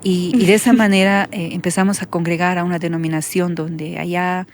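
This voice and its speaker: A woman pastor, giving an earnest testimony that sinks into soft whispers when she recalls her prayers. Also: lowish voice, fairly even intonation, fairly quick. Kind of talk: emotional testimony in conversation.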